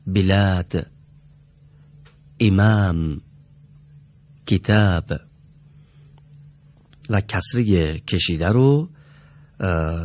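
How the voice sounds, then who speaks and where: A deep, low-pitched man with a husky, slightly grainy voice leads a televised recitation lesson from a studio. He speaks slowly and carefully, stretching out each sound so viewers can copy it. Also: a little mellow. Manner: slow and careful, drawing out sounds to demonstrate them. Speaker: Quran recitation teacher.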